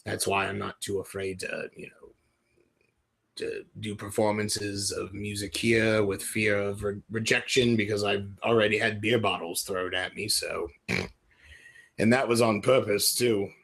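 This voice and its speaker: A man's voice: lowish voice, flat delivery, unhurried, gravelly, a bit bright, husky. A man from Ohio rambling jokily through a casual livestream in a put-on British-sounding accent. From Ohio, USA. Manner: rambling, self-deprecating, jokey. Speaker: livestream host. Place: dim room at home.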